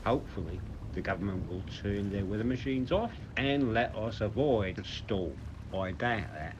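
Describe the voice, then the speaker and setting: A man's voice: lowish voice, lively intonation, normal speed, lo-fi sound, background noise, natural voice. A man playing a chipper, gullible weatherman reporting from a yacht. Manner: chipper, broadcast delivery.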